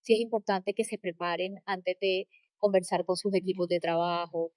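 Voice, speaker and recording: A woman with a coastal Colombian accent answering in an interview, emphatic and expressive, building her points in repeated phrases. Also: on the low side, moderate pace, dry recording. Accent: coastal Colombian (costeño). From Caribbean coast of Colombia. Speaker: interview guest, corporate trainer and coach. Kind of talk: conversational interview answers with anecdotes.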